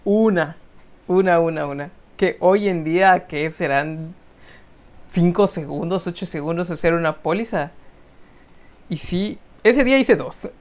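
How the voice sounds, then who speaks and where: A young man with a Mexican accent, telling work stories on a podcast in a casual, lively way, often laughing. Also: a little high, a little slow. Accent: Mexican Spanish. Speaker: podcast co-host. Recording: muffled lo-fi audio.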